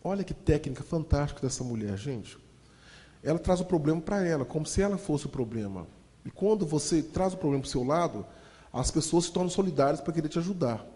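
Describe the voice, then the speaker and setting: Man, Brazilian Portuguese accent, motivational storyteller, lively, audience-facing, mellow, long hall reverb. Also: a little high, fairly quick. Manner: lively, acts out voices, addresses audience as "gente".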